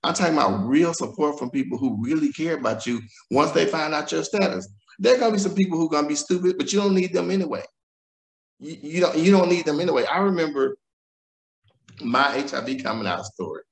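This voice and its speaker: A man's voice: a little high, lively intonation, fast talker. A man, a guest telling stories candidly and animatedly in conversation. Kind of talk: storytelling in conversation. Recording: roomy echo.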